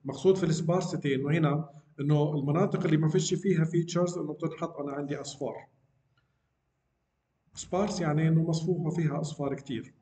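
Fast-talking man lecturing in an echoey room. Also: fairly high pitch, fairly even intonation, mellow. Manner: explanatory, frequent check-ins asking "okay?", mixes English technical terms. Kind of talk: university lecture on deep learning.

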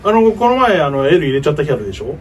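A man in his thirties performing comedy sketch dialogue as a flustered shop manager who repeats words in quick bursts. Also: a little high, big pitch swings, far from the mic. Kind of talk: comedy sketch dialogue, casual workplace talk. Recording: slightly noisy room, off the mic.

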